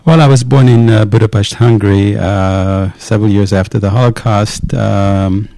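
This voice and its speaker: A man who is a cantor, raised in the United States, talking about his background in a casual interview in an unhurried way with occasional fillers. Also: fairly low pitch, fairly even intonation, creaky, warm tone, no room sound.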